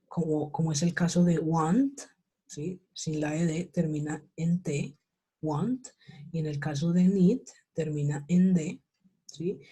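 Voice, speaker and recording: A woman teaches slowly and patiently over a video call, often pausing to check her students follow. Her voice sits low and mellow, with a husky edge. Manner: patient, checks understanding with repeated questions. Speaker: English teacher. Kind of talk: online class lesson.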